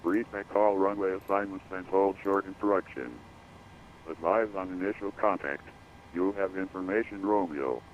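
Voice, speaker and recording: Low deep guy on an automated airport weather broadcast, flat repetitive radio readout, kinda muffled. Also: normal speed. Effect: radio broadcast of automated airport information. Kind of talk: recorded airport weather and runway information broadcast. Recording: dull lo-fi radio feed with faint hiss.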